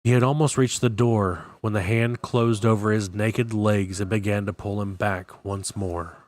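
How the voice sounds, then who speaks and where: A man's voice: lowish voice, steady tone, a little slow, a little mellow, dry recording. A man reading a novel aloud for a book club, in plain narration with occasional self-corrections.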